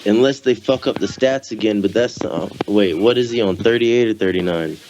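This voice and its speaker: A man's voice: fairly low pitch, moderate pace, a little mellow, slight background noise, rough recording. A man co-hosting a casual podcast, bluntly correcting the others with facts. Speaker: podcast co-host. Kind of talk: casual wrestling podcast chat.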